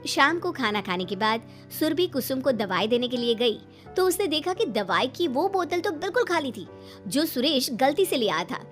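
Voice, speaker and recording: A woman narrates a cartoon story with an even, scripted delivery. Her voice sits high. Faint music plays beneath her. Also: moderate pace.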